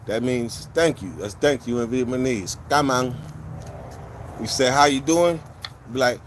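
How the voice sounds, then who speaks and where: Over a little hiss or hum, a Californian man with a mid-range voice hosts a livestream. He talks casually to viewers using blunt, profane street slang and drifts from story to story.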